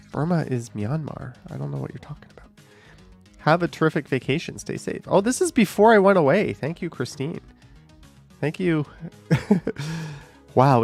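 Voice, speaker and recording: A man's voice: medium pitch, gravelly. A man in his thirties casually reading out and answering viewer comments on a live stream, with dry asides.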